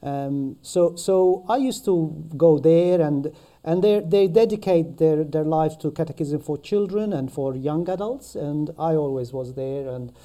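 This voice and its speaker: A man with a Maltese accent, recounting his life in conversation as a podcast guest, halting and often repeating his words. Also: on the high side, dark tone. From Malta. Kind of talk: conversational personal recollection.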